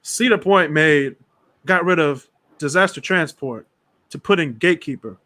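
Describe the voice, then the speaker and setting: A young man co-hosting a casual chat about rides, slangy and animated, breaking into mock screams. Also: fairly high pitch, moderate pace, dry recording. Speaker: co-host.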